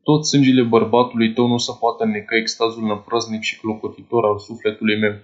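A man's voice: lowish voice, level tone, lo-fi sound, lightly acted. A man voicing a young male lover declaiming his passion in overblown, theatrical phrases. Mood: fervent.

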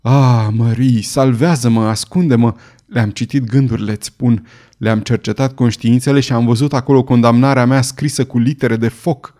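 A man's voice: medium pitch, lively intonation, darkish tone, lightly acted. A man voicing a fearful, feverish young king who pleads with his beloved, in an audiobook reading. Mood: frantic. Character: anxious young male king, fearful and frail.

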